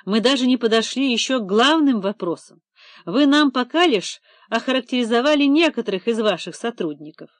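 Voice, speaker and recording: A woman reading a composed young male police detective, measured and curt in an official way. The recording is dry and close, with nothing in the room. The tone stays calm and firm. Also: a little high, no room sound, close to an everyday voice. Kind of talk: audiobook character reading.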